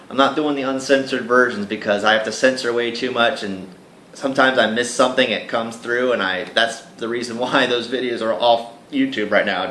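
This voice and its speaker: A man's voice: on the low side, reverberant, a little hiss or hum, poor audio. A man hosting a let's play, reading a visual novel aloud and chatting with viewers between lines. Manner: chatty, animated, asides to viewers. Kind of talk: casual game commentary with dramatic reading.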